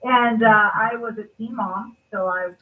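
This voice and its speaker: A woman's voice: a little high, fairly even intonation, measured pace, bright, forceful tone, recorded from a distance, poor audio. A middle-aged woman from Texas, calling in to a radio show and telling her story candidly and steadily. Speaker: call-in guest. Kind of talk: casual radio interview. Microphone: phone call-in.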